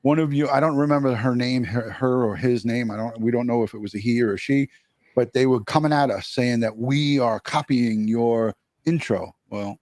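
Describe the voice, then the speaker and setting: A male live-stream host, chatty and casual, reading out viewer comments. His pitch is mid-range for a man. The sound is dry and close, with no room to it. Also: moderate pace, a little mellow, no room sound.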